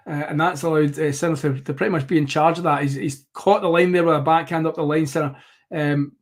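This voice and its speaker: A man with a fairly high, slightly hoarse voice hosts a live tennis watchalong, delivering rambling play-by-play commentary and correcting himself along the way.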